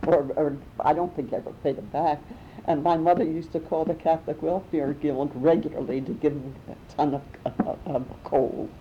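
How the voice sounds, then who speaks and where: A woman's voice: fairly even intonation, moderate pace. An older woman telling memories in an oral history interview, rambling along with restarts and small laughs. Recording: muffled with faint rumble.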